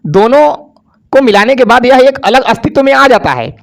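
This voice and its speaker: High-voiced male teacher quizzing his class. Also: very animated, moderate pace, creaky. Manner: asks and answers his own questions, has students repeat sounds. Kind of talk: exam prep grammar lesson.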